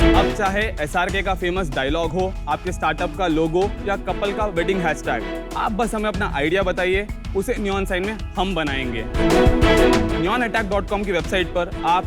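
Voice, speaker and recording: Upbeat young man with a high voice. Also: unhurried, over loud music. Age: 20s. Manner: rehearsed, upbeat. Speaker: pitcher on a business show. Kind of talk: scripted product pitch. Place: TV studio set.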